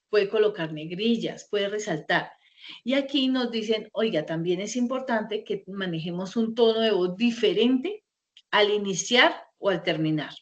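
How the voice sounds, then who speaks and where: A woman teaching an online class over a video call, conversational, with many fillers and rhetorical checks. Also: medium pitch.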